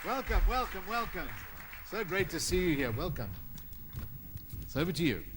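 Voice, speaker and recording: A man's voice: high voice, big pitch swings, normal speed, a crowd in the background, background noise. A man introducing the next speaker at a conference in an enthusiastic, upbeat way.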